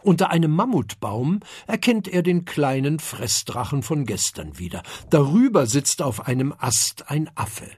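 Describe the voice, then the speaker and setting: A narrator reading a children's audiobook in a calm, gentle storytelling manner. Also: mid-range voice, a little slow, hardly any pauses, slightly rough, dry recording, studio quality.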